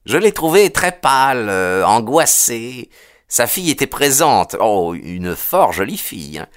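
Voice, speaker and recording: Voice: mid-range voice, sing-song, measured pace. A reader playing a self-satisfied male police detective who recounts his inquiry conversationally, with hesitant fillers. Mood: smug.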